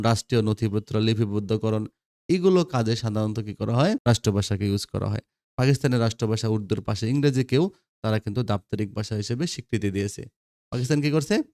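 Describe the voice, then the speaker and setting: A man's voice: fairly low pitch, darkish tone, no room sound, clean studio sound. A man with a Bangladeshi Bengali accent, lecturing school students on grammar, quizzing them and repeating the answers. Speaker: teacher.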